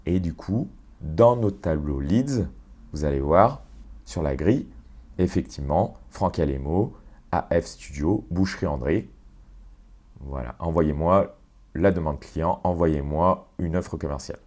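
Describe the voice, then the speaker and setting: Man, low deep voice, mellow, software tutorial walkthrough, explanatory, hesitant fillers. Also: animated. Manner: unhurried, explanatory, many fillers and self-corrections. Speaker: tutorial presenter. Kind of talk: screen-share software walkthrough.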